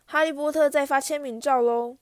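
A woman's voice: medium pitch, very animated, a little fast, no echo, studio quality. A woman voicing a spiteful, sneering schoolboy bully in a storybook reading, mocking and drawling.

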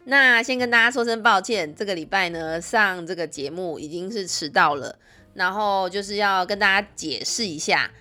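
Bright-voiced chatty woman podcast host. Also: mid-range voice, moderate pace. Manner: chatty, lots of filler words. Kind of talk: casual podcast monologue.

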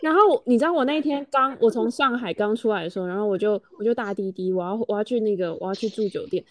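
A woman with a Taiwanese Mandarin accent co-hosts a casual podcast, complaining in a chatty way. Her voice is medium in pitch and quick, recorded with no room sound.

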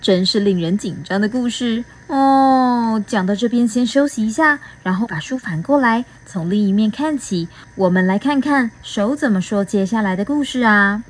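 A woman reading a picture book aloud to a child in a gentle, sing-song way, often asking little questions. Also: fairly high pitch, animated, normal speed, few pauses. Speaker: storyteller host.

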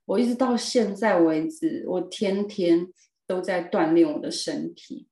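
A woman tells her own story as a podcast guest. She speaks expressively, with emphatic repeats and bursts of laughter. Her voice is mellow and a little dark, and it carries a roomy echo. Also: fairly low pitch, measured pace. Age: 40s. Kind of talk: personal storytelling in a podcast interview.

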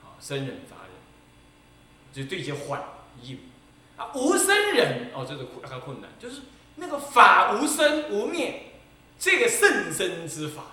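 A man's voice: sits high, huge pitch swings, moderate pace, bright, forceful tone, distant mic. A Taiwanese-accented Buddhist abbot giving a Dharma sermon, emphatic and repetitive, often turning to his listeners with rhetorical questions. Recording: very echoey hall.

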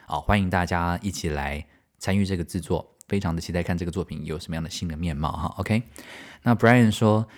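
A middle-aged man with a Taiwanese Mandarin accent and a notably deep, low voice. He hosts a casual podcast, telling anecdotes in an animated, self-mocking way. He breaks into laughter often as he talks. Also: a little fast. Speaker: podcast host and stage director. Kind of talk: casual storytelling, answering listener mail.

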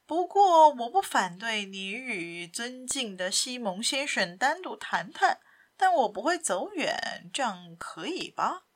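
A woman doing a sly, mocking gentleman thief. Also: on the high side, big pitch swings, takes it slowly, full character voice. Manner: sarcastic, coolly teasing. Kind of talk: audiobook character voice.

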